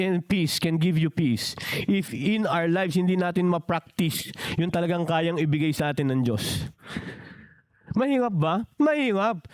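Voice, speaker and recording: A man's voice: high voice, a little mellow, dry recording. A man preaching a bilingual sermon as pastor, often asking the congregation questions.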